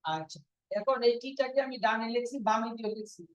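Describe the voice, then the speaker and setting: In a classroom lesson, a woman teaches a language class, repeating every point and quizzing her students with frequent questions. Her voice is slightly high and a touch fast, with no echo, captured in a dull, dry lo-fi recording.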